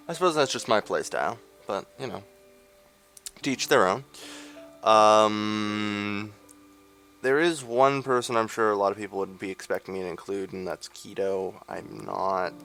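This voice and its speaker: A man's voice: fairly low pitch, a bit bright. A young man hosting a let's play, giving rambling, sarcastic gameplay commentary into a desk microphone. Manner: rambling, sarcastic, many fillers.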